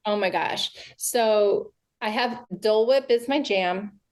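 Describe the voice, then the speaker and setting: A woman's voice: medium pitch, slow pace. An older woman, a podcast guest, talking earnestly and reflectively over a video call, with frequent restarts. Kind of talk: casual podcast interview.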